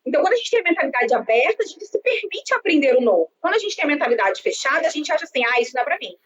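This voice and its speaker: A woman's voice: high voice, rapid-fire. A woman in her thirties with a Brazilian Portuguese accent, a sales and marketing consultant speaking in an expansive, outgoing way as a guest on a live-streamed interview. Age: 30s. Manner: expansive, lively, self-described outgoing talker. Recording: dull lo-fi sound with faint background noise.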